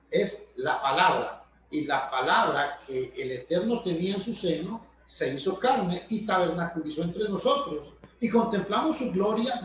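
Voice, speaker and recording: Male preacher, high lively delivery, heavy room echo, faint background hum. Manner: emphatic, addresses listeners as brothers and friends. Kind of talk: sermon. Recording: very echoey room, voice from far off.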